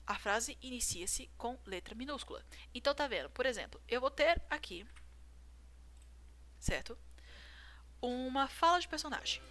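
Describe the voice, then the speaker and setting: Bright-voiced woman teaching grammar. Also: fairly high pitch, very animated, normal speed, pauses often. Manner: talks through examples, asks "certo?". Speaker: writing teacher. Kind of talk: explaining grammar to a viewer.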